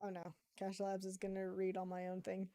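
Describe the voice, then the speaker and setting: A woman streaming a card game, chatting casually, reading viewer comments aloud, thinking out loud and laughing often. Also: medium pitch, monotone, brisk. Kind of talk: casual live-stream chat while playing a card game.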